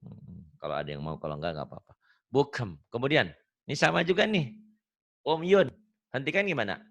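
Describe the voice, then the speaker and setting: A man's voice: mid-range voice, lively intonation, fairly quick, vocal fry, a bit bright. A man teaching Quran reading in an online lesson, patient and joking, repeating words for a student to copy. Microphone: video call.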